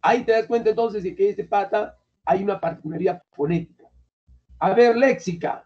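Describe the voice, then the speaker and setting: High-voiced teacher quizzing students. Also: male voice, brisk, dark tone. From Peru. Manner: colloquial, keeps quizzing students. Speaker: language teacher. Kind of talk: classroom lecture. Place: classroom. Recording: dull lo-fi classroom recording.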